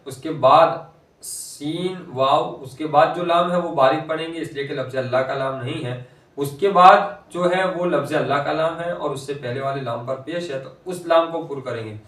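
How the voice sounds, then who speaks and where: Male tutor, slightly high voice, slow drawn-out recitation between explanations, roomy distant sound. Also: a bit bright. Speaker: Quran reading teacher. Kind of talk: recitation lesson explaining pronunciation rules. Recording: echoey room, voice from a distance.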